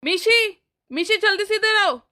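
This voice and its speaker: A protective older brother in an animated story, as a woman voices him, firm and scolding but fond at heart. The voice sits high and bright for a man, delivered with steady authority. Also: brisk. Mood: stern. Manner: firm, scolding yet affectionate. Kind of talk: animated cartoon voice acting.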